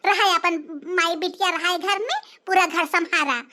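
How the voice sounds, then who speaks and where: A voice put on as a very high, bright, fed-up young wife. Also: female voice, steady tone, normal speed. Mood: bitter, fed up. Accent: Awadhi. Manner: bitter, complaining rant. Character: angry young daughter-in-law walking out. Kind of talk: cartoon voice acting.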